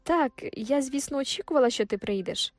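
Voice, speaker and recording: A woman's voice: a little high, fast talker, mellow, dry recording, faint music behind, close to an everyday voice. A woman voicing an eager, cheerful young woman in love in an audiobook. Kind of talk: audiobook character voice.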